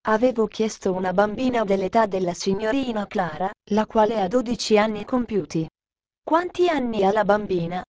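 A woman's voice: mid-range voice, lively intonation, moderate pace, muffled recording, crowd noise, lightly acted. A woman voicing a stern, strict middle-aged governess who scolds with severe questions, read close to her own voice.

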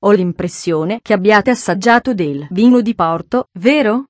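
A woman voicing a boisterous, sinister Frenchman with a theatrical, drawn-out mocking delivery, read as a storybook, dry close sound. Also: mid-range voice, animated, no echo, natural voice.

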